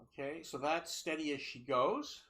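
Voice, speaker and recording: An older Canadian man hosting a game tutorial, talking in a rambling, folksy way with many small pauses and fillers. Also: on the high side, pushed and bright. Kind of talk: screen-recorded game tutorial.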